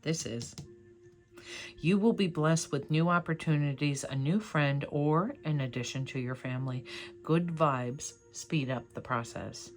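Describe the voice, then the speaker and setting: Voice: medium pitch, normal speed, faint music behind. A tarot card reader hosting a casual pick-a-card reading, speaking to viewers in an encouraging, affirming and conversational way.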